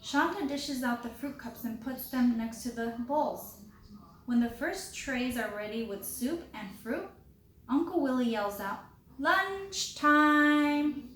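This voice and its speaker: A teacher reads a children's picture book aloud, clear and expressive as she tells the story. Her voice sits slightly high for a woman. The room gives it a noticeable echo, with a faint hiss underneath. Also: unhurried. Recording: roomy with faint background hiss.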